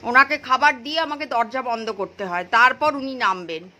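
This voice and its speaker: A woman's voice: on the high side, moderate pace, pushed and bright, rough recording. A woman with a Bengali accent chatting to her pet dogs and her viewers in a coaxing, sing-song voice. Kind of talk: casual chat to pets and viewers.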